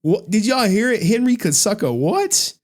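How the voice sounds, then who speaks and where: Animated American man doing mocking reaction commentary. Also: high-pitched, normal speed. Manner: animated, repeats phrases for emphasis. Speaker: online commentator.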